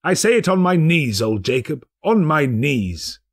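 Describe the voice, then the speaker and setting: A man acts out a giddy old miser bursting with joy in a storybook tale. The pitch is pushed high and swings wildly, with a husky edge. The delivery is excitable, breathless and exclamatory. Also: measured pace, exaggerated voice. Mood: fervent joy. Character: jubilant reformed old miser Scrooge, giddy and overjoyed.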